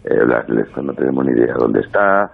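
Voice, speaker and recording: Very deep gravelly man on a phone line. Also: big pitch swings, a little fast. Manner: rambling, many hesitations and tag questions. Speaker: guest. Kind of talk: radio phone interview.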